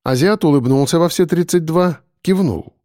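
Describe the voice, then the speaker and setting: A man narrating a first-person audiobook in an expressive storytelling voice. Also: on the high side, moderate pace, no echo, studio quality.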